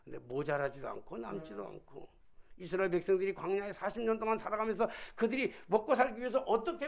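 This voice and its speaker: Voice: mid-range voice, creaky. A senior pastor preaching a sermon in a conversational way, full of rhetorical questions.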